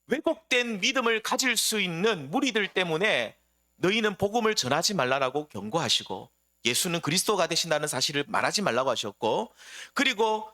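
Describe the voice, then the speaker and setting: Middle-aged male pastor, sermon delivery, bright tone, rhetorical questions. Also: high-pitched, fairly quick. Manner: expressive preaching with rhetorical questions.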